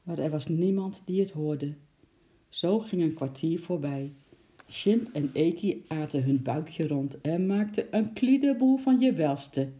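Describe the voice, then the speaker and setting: A storyteller reading a children's book aloud in a lively, expressive way, acting out sound words along the way. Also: medium pitch, unhurried.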